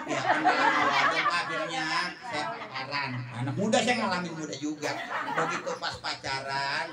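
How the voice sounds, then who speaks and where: A man preaching a lively comic sermon at a religious gathering, swinging between loud exclaiming and low storytelling. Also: distant mic. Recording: echoey hall, mic heard from afar. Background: crowd of listeners.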